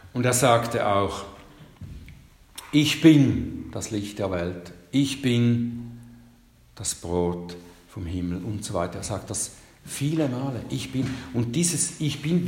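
A man preaching a sermon, slow and emphatic, leaning hard on the quoted scripture. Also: mid-range voice. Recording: echoey hall, long reverb.

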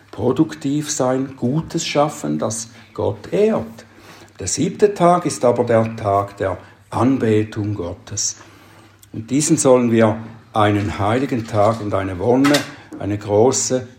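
A man delivers a sermon at an unhurried, deliberate pace, leaning on key words with rising emphasis. His voice sits at an ordinary middle pitch. The sound carries a noticeable echo, as if from a reverberant room. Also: a little mellow. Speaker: preacher.

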